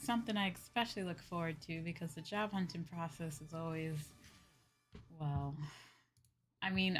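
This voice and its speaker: Talking with viewers on her livestream, a young VTuber speaks in a mid-range, fairly bright voice. Her casual chat is halting and meandering, and she frequently says the same phrases again.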